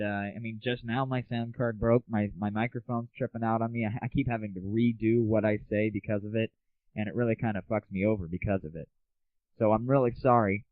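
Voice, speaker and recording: A man with a voice on the low side hosts an informal solo show, joking at his own expense. No room sound comes through, though the malfunctioning cheap home mic makes the recording tinny and lo-fi.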